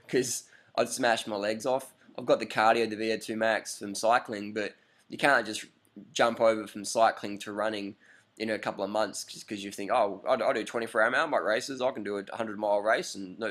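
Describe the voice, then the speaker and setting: Guy in his 30s ranting casually to camera, blunt and animated, lots of rhetorical questions. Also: on the low side. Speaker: vlogger. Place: lives in Bangkok.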